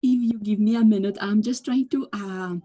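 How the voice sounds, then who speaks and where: Woman professor on a video call; mid-pitched, apologetic, halting restarts. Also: warm tone. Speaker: professor, panelist. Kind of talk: personal introduction.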